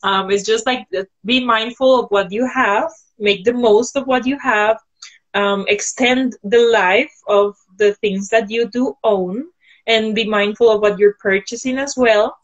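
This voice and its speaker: A woman guest on a video call from home, giving advice in a thoughtful, halting way with frequent fillers. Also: on the high side, steady tone, dull audio. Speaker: guest sharing sustainability tips. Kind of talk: casual video-call interview. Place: indoors at home.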